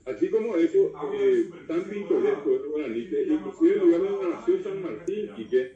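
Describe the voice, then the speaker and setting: A man's voice: on the high side, expressive, normal speed, warm tone. A man from Paraguay with a Paraguayan Spanish accent, explaining words as a guest on a TV talk show, lecturing with many fillers. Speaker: guest expert on Guarani. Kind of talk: explanatory TV interview. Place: TV studio. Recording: roomy, distant, dull TV audio.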